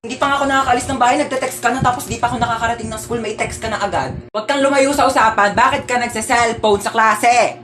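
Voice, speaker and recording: A woman acting out sassy comedy skits, switching between characters with exaggerated delivery. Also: a little high. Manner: sassy, exaggerated, playing many roles. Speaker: comedy skit creator. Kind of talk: comedic skit role-play. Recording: noisy home video.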